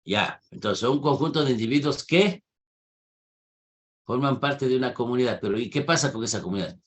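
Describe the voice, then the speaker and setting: A man's voice: mid-range voice, a little fast. Didactic man lecturing in an online class. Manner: questioning, didactic, challenges students' answers. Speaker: university lecturer. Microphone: video call.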